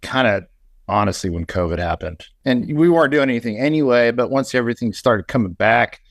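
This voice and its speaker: A man, an audio engineer chatting as an interview guest in a relaxed, rambling way. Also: medium pitch, brisk, vocal fry, no room sound, studio quality. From Indiana. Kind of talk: casual interview chat.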